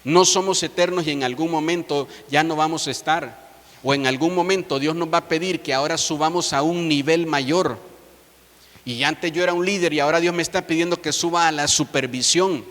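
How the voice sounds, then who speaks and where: A man's voice: fairly high pitch, brisk, fairly bright tone, in a large hall. A man, a pastor preaching a sermon emphatically, with repeated refrains and calls to the congregation.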